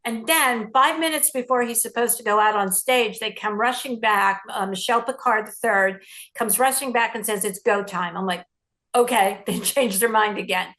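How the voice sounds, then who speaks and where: A middle-aged woman journalist recounting a story in an interview, lively and acting out the lines she quotes. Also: on the high side, moderate pace.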